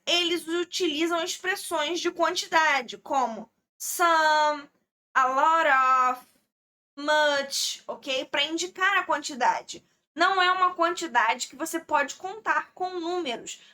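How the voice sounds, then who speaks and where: Slow, bright-voiced Brazilian woman teaching. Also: very high-pitched. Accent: Brazilian Portuguese. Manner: patient, explains step by step, checks in with "ok?". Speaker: English teacher. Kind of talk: exam-prep English lesson.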